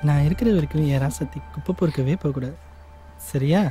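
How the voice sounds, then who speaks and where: A man playing a fast-talking, smooth young charmer. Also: on the high side, dark tone, lightly acted. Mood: coaxing. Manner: coaxing, persuasive. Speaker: driver courting a young woman in a film. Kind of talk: film dialogue. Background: film score music.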